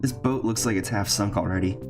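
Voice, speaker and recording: A man's voice: lowish voice, normal speed. A man streaming a game, chatting casually and thinking aloud, often laughing at himself. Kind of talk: casual gameplay commentary. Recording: game music playing behind.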